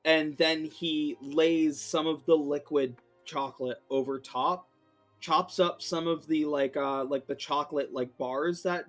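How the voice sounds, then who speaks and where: A man's voice: a little high, fairly even intonation, a little slow, faint music behind. A man playing a tabletop game, describing his character's actions in a rambling way full of fillers. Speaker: player. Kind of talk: tabletop role-play narration.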